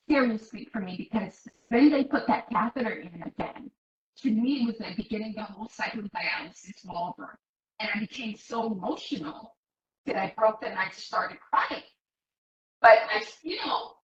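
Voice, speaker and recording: A woman's voice: a little high, muffled recording. Woman patient speaker, earnest and advising, heard over choppy breaking-up remote call audio. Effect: choppy, breaking-up online call audio. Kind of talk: webinar presentation. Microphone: remote call microphone, too far off.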